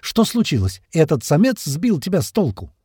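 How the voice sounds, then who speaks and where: A man doing a high-voiced indignant queen. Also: sing-song, moderate pace, dark tone, slightly rough, dry recording, studio quality, exaggerated voice. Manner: indignant, commanding, pleading at times. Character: proud angry queen, imperious and jealous.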